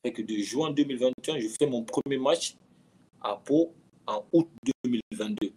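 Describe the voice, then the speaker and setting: Recorded at low quality, a footballer in his thirties gives a casual, anecdotal interview, leaning on repeated words and phrases for emphasis. His voice sits in the mid-range, darkish and slightly rough, moving at a moderate pace.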